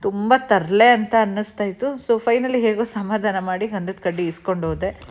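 A woman's voice: mid-range voice, steady tone, moderate pace. A young adult woman and mother narrating a casual family vlog in a chatty way, dropping English words into her talk.

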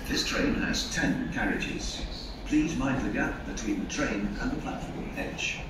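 A man's recorded voice giving measured railway platform announcements over a station public-address system. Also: medium pitch, lively intonation. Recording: echoey station loudspeaker heard from far off, loud train noise.

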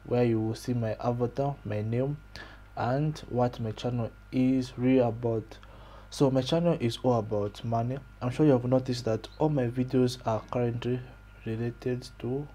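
A man's voice: medium pitch, mellow. A young man from Zambia with a Zambian accent walks viewers through his own channel in a plain, explanatory way, often saying "okay" and "so", recorded on a desk webcam in a small room. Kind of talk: casual screen-share walkthrough. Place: small room indoors, pink-lit wall behind.

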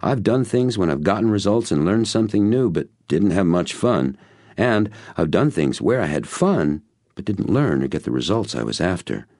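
A man voicing his own younger self as an eager, excitable male student. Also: sits low, moderate pace, no room sound, studio quality, voice pushed up, full character voice. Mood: excited. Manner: excited, pleading questions.

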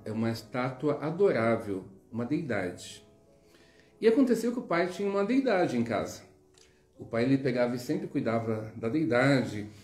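Brazilian male teacher, casual and digressive, mellow tone, roomy echo with faint music. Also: medium pitch. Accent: Brazilian Portuguese. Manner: chatty, digressive, frequent tag questions. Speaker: spiritual teacher. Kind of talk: informal teaching with storytelling.

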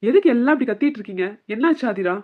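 A woman voicing a calm, firm young husband in a cartoon family drama, questioning the others. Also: fairly high pitch, very fast. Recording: dull lo-fi audio.

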